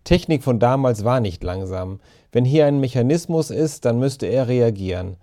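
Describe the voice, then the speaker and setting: A man reading the lines of a tech-minded storybook boy, matter-of-fact and reasoning, with a mellow voice. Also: mid-range voice, expressive, normal speed, lightly acted.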